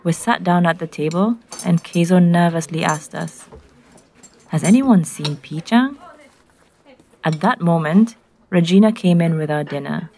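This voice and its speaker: A woman from Nairobi with a Kenyan accent, narrating a scripted personal story in clear, simple short sentences. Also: lowish voice, normal speed, darkish tone, a little hiss or hum.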